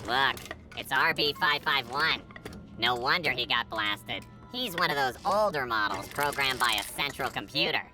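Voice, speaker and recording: Goofy nasal robot grunt, bouncy pitch, film score behind. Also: male voice, lively intonation, normal speed, bright, forceful tone. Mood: chirpy. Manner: nasal, high, wacky robotic voice. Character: dim-witted male robot foot soldier. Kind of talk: animated film voice acting. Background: film score music.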